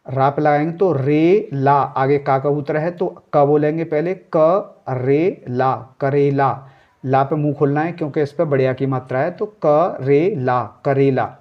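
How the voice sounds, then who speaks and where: A man's voice: fairly high pitch, steady tone, normal speed, highs cut off. A man teaching a reading lesson step by step, sounding out words syllable by syllable and then saying them whole, often checking in with "okay". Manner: checks in with a frequent "ठीक है". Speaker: Hindi teacher.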